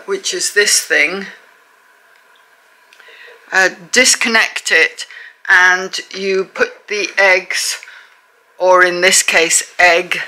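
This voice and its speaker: A retired woman chatting casually in a home vlog, self-deprecating and deliberate. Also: mid-range voice, bright, forceful tone, rough recording. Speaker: vlogger. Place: rural home.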